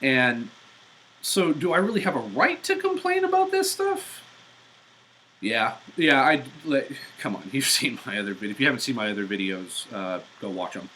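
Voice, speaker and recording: A man's voice: medium pitch, wildly swooping pitch, moderate pace, sharp tone, slight background noise, rough recording. A man ranting profanely and in exasperation during a live-stream driving vlog, recorded in a car on a portable device's built-in mic. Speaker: vlogger.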